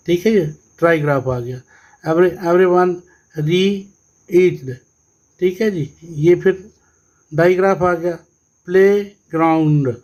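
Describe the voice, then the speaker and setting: A man teaches an English phonics lesson, breaking words into sounds and saying them over. His voice sits a little high, and he takes his time. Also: a little mellow, rough recording. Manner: slow, spelling words out sound by sound and repeating them.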